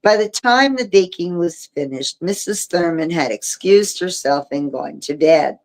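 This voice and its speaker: A woman reading a mystery novel aloud on a livestream, in a steady storybook manner. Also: on the low side, measured pace. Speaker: reader.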